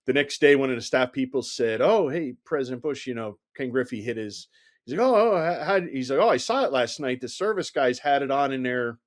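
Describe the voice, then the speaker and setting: Middle-aged man telling lively anecdotes. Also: mid-range voice, fairly quick. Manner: animated anecdotal telling, heavy use of "you know", acts out quoted dialogue. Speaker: guest, former Secret Service agent. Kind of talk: conversational storytelling interview.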